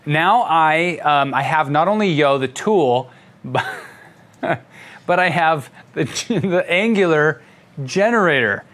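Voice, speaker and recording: A man's voice: a little high, expressive, takes it slowly, fairly bright tone. An older man teaching web development during a live session, walking through tools with a playful, chuckling manner. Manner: playful, chuckling while demonstrating. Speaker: instructor. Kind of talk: live coding tutorial.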